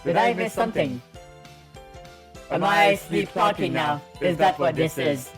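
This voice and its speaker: A man streaming a video game live, commenting in a jokey, excitable way with loud outbursts while sounding sleepy. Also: high voice, measured pace, soft background music.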